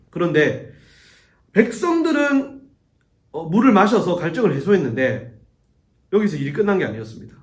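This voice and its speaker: A man preaching to a youth group in a church sanctuary. His voice sits high and moves through a wide, lively range as he tells the story. The sound rings around the room with a clear echo. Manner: animated storytelling, acts out quoted voices. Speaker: youth pastor. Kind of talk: sermon to teenagers.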